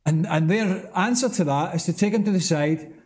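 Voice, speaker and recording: Blunt middle-aged TV football pundit. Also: male voice, high voice, moderate pace, darkish tone, slight background noise. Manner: blunt, emphatic analysis. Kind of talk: TV studio punditry. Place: TV studio.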